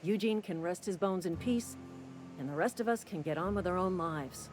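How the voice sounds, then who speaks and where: A man voicing a gruff, cynical company-town clerk in video game dialogue, speaking curtly and sardonically. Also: sits high, normal speed, over music, close to an everyday voice, rough recording. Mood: curt, sardonic. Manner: curt, sardonic and impatient.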